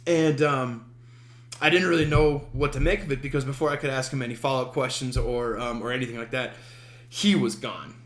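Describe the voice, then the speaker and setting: A man from Denver hosting his podcast, telling a story in a casual, halting way full of ums, with a wry, self-amused humor. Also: medium pitch, steady tone, roomy sound. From Denver, USA. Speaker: podcast host.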